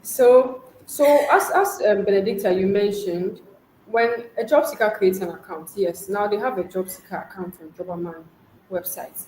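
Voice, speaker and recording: A woman from Ghana, a customer experience associate appearing as a guest panelist on a webinar, explains things in a friendly way using everyday examples. Her medium-pitched, darkish voice comes through an online call mic in an echoey room with faint noise.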